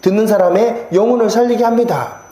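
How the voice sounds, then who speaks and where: Male pastor, Sunday sermon, slightly high voice, acts out quoted remarks, echoey church hall. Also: fairly quick, mellow. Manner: reads scripture aloud, acts out quoted remarks in a lowered voice.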